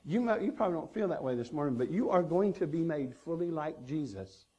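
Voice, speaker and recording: A man's voice: a little high, expressive, fairly quick, darkish tone, slightly rough, muffled recording. A man preaching a sermon as pastor, earnest and emphatic, stacking repeated phrases.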